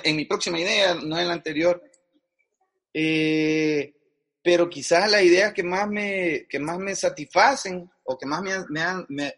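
Man, middle-aged, husky, higher-pitched, frank, slangy interview guest. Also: a bit bright. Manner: frank, slangy, restarts often. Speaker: guest advertising executive. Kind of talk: casual conversational interview.

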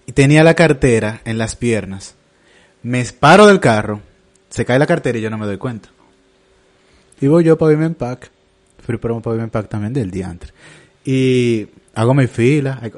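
A Dominican man hosts a casual podcast chat. He tells an everyday mishap in a relaxed, self-mocking way, full of street slang. His voice sits at an ordinary middle pitch. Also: normal speed. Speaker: podcast host.

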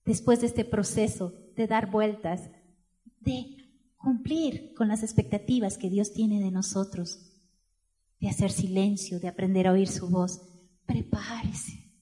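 A woman preaching a sermon in church, telling a story and asking the congregation questions, moving between hushed and loud passages. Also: medium pitch, steady tone, moderate pace.

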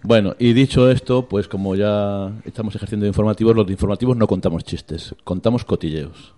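A man's voice: fairly low pitch, brisk, mellow. A middle-aged man, a radio guest teasing and telling gossip with many restarts. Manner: chatty, teasing, hesitant restarts. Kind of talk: joking radio chat.

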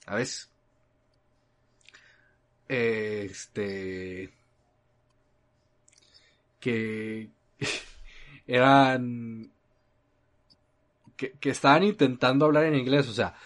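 A man with a Mexican accent in a relaxed, casual chat. He rambles and leans on filler words. His sentences often fade out softly at the end. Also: medium pitch, extremely slow, pauses often. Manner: rambling, frequent filler "este", trailing off softly.

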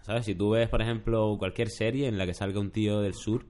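A man's voice: lowish voice, steady tone, brisk. A middle-aged man, chatting casually as a podcast host and telling rambling stories. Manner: rambling, storytelling with shouted impressions. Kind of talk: casual chat.

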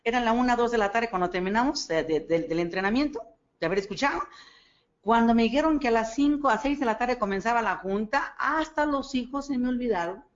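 A woman with a Mexican Spanish accent giving a motivational talk on network marketing, animated and acting out dialogue as she tells stories. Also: on the high side, brisk. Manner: animated storytelling, acts out dialogue, asks listeners for agreement. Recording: dull lo-fi recording.

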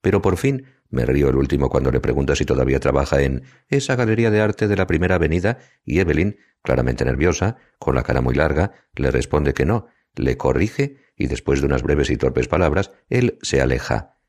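A man narrating a novel in the first person, sardonic and measured. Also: a bass voice, expressive, darkish tone. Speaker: audiobook narrator.

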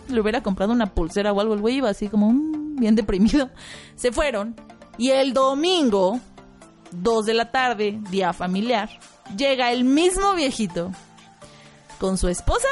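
A woman hosting a podcast, telling a work anecdote and acting out voices with high squeals. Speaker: podcast host. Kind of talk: storytelling anecdote.

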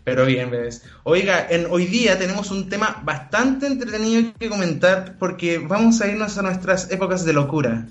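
A man's voice: sits high, expressive, normal speed, few pauses, roomy sound. A young man with a Chilean accent, hosting a podcast in playful, casual chat. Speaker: podcast host. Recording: dull lo-fi audio.

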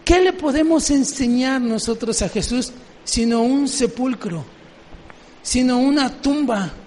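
High-voiced man preaching in a hall. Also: lively intonation, a little slow, darkish tone. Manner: asks the congregation questions. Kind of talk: sermon.

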